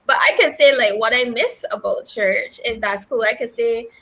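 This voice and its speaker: A woman on a youth talk panel who speaks in a relaxed way, full of "like" and "you know". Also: fairly high pitch, moderate pace. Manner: relaxed, filler-heavy with lots of "like". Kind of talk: casual panel chat.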